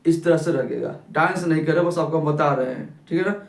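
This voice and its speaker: A man's voice: a little high, fairly quick, vocal fry. A young man teaching a physics class, who keeps asking questions and answering them himself. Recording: echoey room, mic at a distance.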